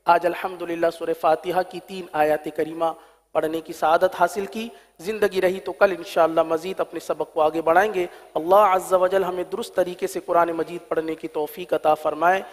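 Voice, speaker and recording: High-voiced man teaching recitation. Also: fairly even intonation, big-room sound. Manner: explains briskly, then chants verses slowly and drawn out. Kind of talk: tajweed lesson with chanted demonstrations.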